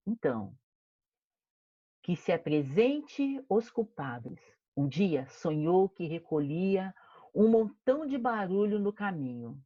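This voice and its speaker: A woman's voice: lowish voice, dark tone, no room sound, highs cut off. A woman teacher with a Brazilian Portuguese accent reads a children's story aloud to her class in an online lesson, playing with sound words. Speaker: primary school teacher.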